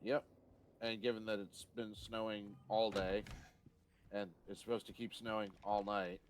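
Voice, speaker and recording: A man trading casual, teasing banter with friends on a live game stream, quick to poke fun at himself. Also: on the low side, little pitch movement, a little hiss or hum. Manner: teasing, self-deprecating banter.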